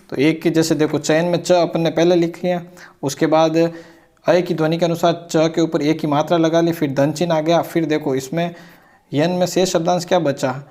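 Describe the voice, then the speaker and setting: A man's voice: fairly high pitch, darkish tone. A grammar teacher who explains step by step, stretches out sounds as he writes them, and keeps asking "ठीक है ना". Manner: repetitive, checks in with "ठीक है ना"; drawn-out spelling of sounds. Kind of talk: blackboard grammar lesson.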